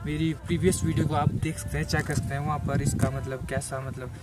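A man's voice: fairly high pitch, flat delivery, fast talker. Young man vlogging outdoors, distant camera audio. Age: young adult. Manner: rambling, many filler words. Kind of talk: casual chat. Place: outdoors on a hillside by a motorbike. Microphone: camera held by a helper a few steps away.

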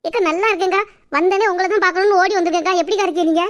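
A young performer voicing a chatty, scheming woman neighbor in a comic skit, speaking an in a fast, coaxing way with drawn-out calls. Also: extremely high pitch, fairly even intonation, a bit bright.

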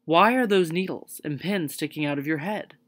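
A woman voicing a gentle male man of tin who speaks plainly and mildly, in a storybook reading. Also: low-pitched, normal speed.

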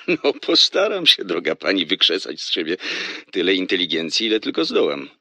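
A man's voice: low-pitched, sing-song, moderate pace, gravelly, sharp tone, no room sound, heavily acted. An actor playing a flirtatious, teasing salesman in a radio drama who laughs often as he talks on the phone. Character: flirtatious smooth-talking male salesman on phone.

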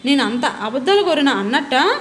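A woman's voice: high-pitched, very animated, moderate pace, fairly bright tone, a little hiss or hum. A woman reading the lines of a playful young woman teasing her older brother in a storybook reading. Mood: mock-offended. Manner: pouting, mock-scolding.

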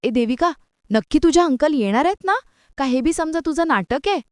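Woman doing a shrill bossy lady. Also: normal speed, clear, resonant tone, no room sound, clean studio sound, lightly acted. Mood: excited, scolding. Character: loud bossy excited middle-aged woman.

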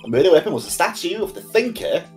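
Man doing a bumbling loud detective. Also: high voice, big pitch swings, fast talker, faint music behind. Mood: eager. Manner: loud, stumbling, keeps saying sir. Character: bumbling eager male detective.

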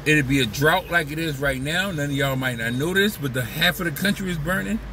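A man's voice: on the high side, a little fast, bright, forceful tone, distant mic, a little hiss or hum. A man talking through a casual, profane, rambling comedic monologue as a vlog host, slipping into mocking voices. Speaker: vlogger host.

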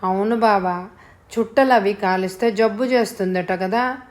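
A woman voicing a lively, teasing young village girl with a childlike, pleading way of talking. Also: mid-range voice, measured pace, lightly acted.

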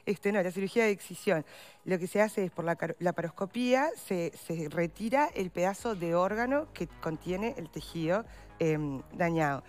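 A woman's voice: fairly low pitch, lively intonation, moderate pace, a little mellow, soft background music. A woman with a Uruguayan Spanish accent, a patient advocate giving earnest explanatory answers in an interview. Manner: earnest, explanatory, uses voseo. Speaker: guest, endometriosis patient advocate.

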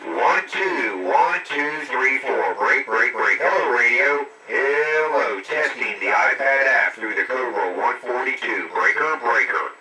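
A man calling out a slow radio mic test, heard over a CB radio receiver in a radio shop. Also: mid-range voice, animated. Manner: slow, drawn-out test calls. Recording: echoey, distant, noisy radio speaker.

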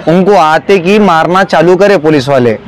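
Hyderabadi man, high voice, earnest eyewitness in a street interview. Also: moderate pace, crowd noise. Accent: Hyderabadi Hindustani. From Hyderabad, India. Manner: earnest, pleading.

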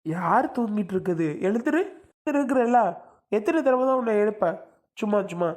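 A woman's voice: medium pitch, normal speed, darkish tone, natural voice. A woman voicing a stern young husband in a cartoon who scolds his wife impatiently. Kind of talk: cartoon voice acting.

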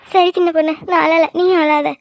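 A woman voicing a tender, emotional middle-aged mother in a cartoon, talking quickly and fondly. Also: extremely high pitch, little pitch movement, no room sound. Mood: tearful. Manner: affectionate, quick, tearful at times. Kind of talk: cartoon voice acting. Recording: dry, dull lo-fi recording.

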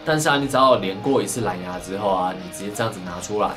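A man with a Taiwanese Mandarin accent, hosting a casual gadget unboxing review, chatty and full of drawn-out particles, recorded on a camera microphone. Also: on the low side. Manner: chatty, lots of drawn-out sentence-final particles. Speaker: tech reviewer host. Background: background music.

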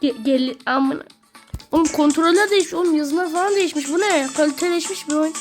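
A woman's voice: high voice, quick pace, faint music behind. A woman ranting and swearing through gameplay commentary in a small bedroom at home. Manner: irritable, swears constantly, rants at the game. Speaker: gaming video creator.

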